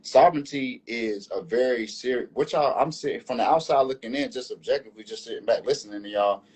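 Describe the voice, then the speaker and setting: A man's voice: medium pitch, quick pace, darkish tone, breathy edge, poor audio. A man speaking earnestly as a panel guest in a live online discussion, repeating and restarting phrases as he builds his point.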